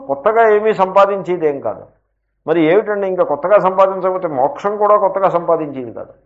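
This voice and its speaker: A male spiritual teacher giving a scripture lecture in a somewhat raised voice. He explains step by step, puts rhetorical questions to his listeners and slows down for emphatic asides. The recording sounds dull and lo-fi. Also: high voice.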